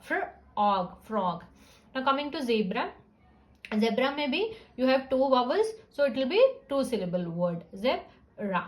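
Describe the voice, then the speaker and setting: Woman, teaching, slightly high voice, syllables drawn out. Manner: mixes Hindi and English, sounds out syllables slowly. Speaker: teacher guiding parents. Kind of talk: explanatory lesson.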